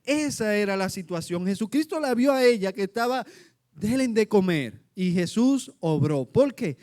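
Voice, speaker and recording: A middle-aged man preaching a sermon, animated, acting out the lines he quotes. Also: sits high, normal speed.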